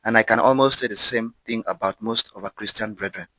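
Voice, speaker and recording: A man's voice: on the low side, fast talker, crowd noise, poor audio. A man giving scripted critical commentary as a voice-over. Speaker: video commentator.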